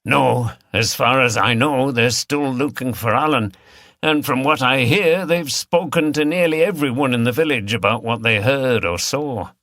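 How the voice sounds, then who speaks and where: In an audiobook, a man voices an easygoing, plain-spoken innkeeper who banters with his staff and regulars in a matter-of-fact way. He uses his natural voice pitched above his own, mid-range and fairly bright, at a moderate pace. The recording is dry and studio quality.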